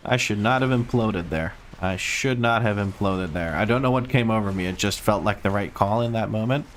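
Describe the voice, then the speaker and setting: A man's voice: on the low side, fairly quick, a little hiss or hum. A man from Croatia with a Croatian accent, casually commenting on his own gameplay on stream, chatty and self-mocking, swearing now and then.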